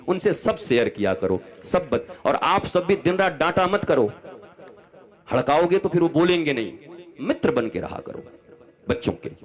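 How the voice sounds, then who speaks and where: Man in his fifties, spiritual preacher, impassioned sermon, loud outbursts and soft asides, scolding tone. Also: medium pitch. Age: 50s. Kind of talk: Hindi religious discourse.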